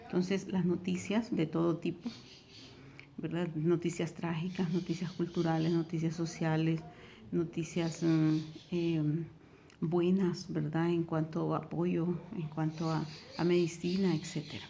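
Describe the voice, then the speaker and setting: A woman's voice: sits low, level tone, unhurried, creaky, warm tone, slight background noise. A middle-aged woman with a Honduran Spanish accent, teaching a recorded tutoring lesson and explaining step by step, often checking in with a question tag.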